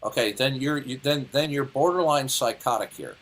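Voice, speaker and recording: Speaking at a moderate pace in a mid-range, fairly bright voice, a man in his late fifties calls into a heated debate. He argues condescendingly, lecturing and cutting others off.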